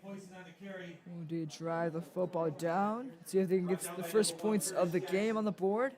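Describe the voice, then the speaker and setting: A young man calling a high school football game, casual, leaning on stock phrases. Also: steady tone, normal speed, a crowd in the background. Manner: casual, repeats stock phrases like "of course" and "indeed". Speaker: play-by-play commentator.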